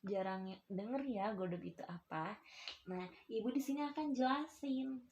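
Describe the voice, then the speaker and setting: A woman's voice: mid-range voice, moderate pace, a little mellow, highs cut off. A young woman, a university student, giving a casual lesson and talking to her pupils as their teacher, with a chatty, explanatory manner and lots of filler tags. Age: young adult.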